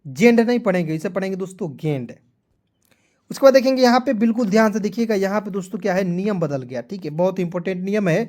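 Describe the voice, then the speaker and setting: A man teaching English pronunciation as a lesson in Hindi, spelling out letters, repeating each word and asking his viewers if it is clear. He says he is sweating in the heat. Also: high voice, very fast, hardly any pauses, darkish tone. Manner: repetitive, spells letters out and drills, asks "clear?". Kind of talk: Hindi-language phonics lesson.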